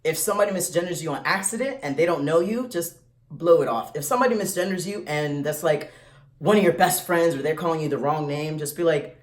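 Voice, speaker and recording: A man talking casually to viewers in a vlog, animated and blunt, full of slang and quick restarts. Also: fairly high pitch. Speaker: vlogger. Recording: echoey room.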